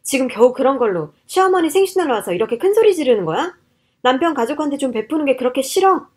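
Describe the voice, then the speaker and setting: A woman voicing an arrogant, entitled husband who shouts back defensively, in a narrated radio story. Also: high-pitched, expressive, fast, voice pushed up. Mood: indignant.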